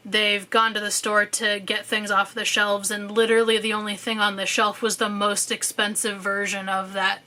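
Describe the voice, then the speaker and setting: Bright-voiced young woman, candid and sarcastic. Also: medium pitch. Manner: candid, sarcastic, with casual swearing; thoughtful, with frequent "uh" fillers. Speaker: student. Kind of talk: personal reflective monologue.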